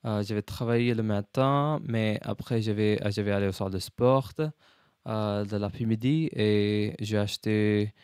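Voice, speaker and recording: A man with a fairly low, very smooth voice records a casual practice vlog in a dry setting. He is a learner whose French has a foreign accent, and he feels his way haltingly from word to word. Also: fairly even intonation, a little mellow, no room sound. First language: not French, a learner. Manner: halting, searching for words, switching between English and French. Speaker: language learner, video host.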